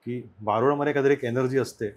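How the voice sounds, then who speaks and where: A man from the Konkan region hosting a podcast, chatting casually and quietly. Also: mid-range voice, steady tone, fast. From Konkan region, India. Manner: quiet, listens with soft murmured acknowledgements. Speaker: podcast host. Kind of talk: casual chat.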